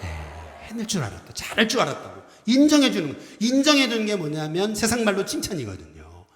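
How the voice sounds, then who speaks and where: A man's voice: high-pitched, fast talker. A middle-aged man preaching a Sunday sermon as senior pastor, leading the congregation in call-and-response greetings. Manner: lively, acts out quoted phrases. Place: church sanctuary. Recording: echoey church hall with long reverb.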